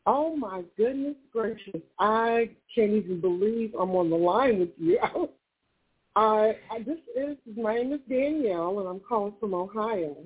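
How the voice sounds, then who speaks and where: A woman calling in to a radio show on a speakerphone, excited and gushing. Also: medium pitch, unhurried, slightly rough. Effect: phone on speakerphone. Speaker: caller. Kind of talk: call-in radio chat. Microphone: phone on speaker. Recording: tinny dry phone line.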